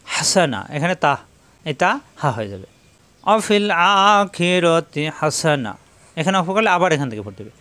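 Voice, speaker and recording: A man teaching Quran recitation, spelling out each letter and vowel step by step, then chanting the verses slowly. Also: on the high side, sing-song, a bit bright, no echo. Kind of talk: tajweed lesson with chanted recitation.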